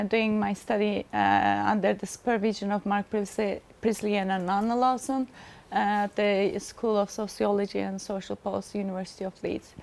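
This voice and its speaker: Middle-aged woman presenting her research, slightly high voice with lots of vocal fry, halting and searching for words. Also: darkish tone. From Turkey. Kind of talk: formal conference presentation.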